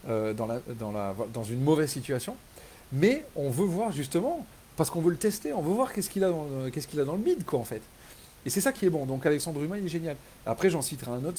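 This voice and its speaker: A man talking casually and enthusiastically in a live chat with readers, rambling with many fillers and restarts, and growing animated when he retells a scene. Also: a little high, a little hiss or hum, poor audio. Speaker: author hosting a live reader Q&A.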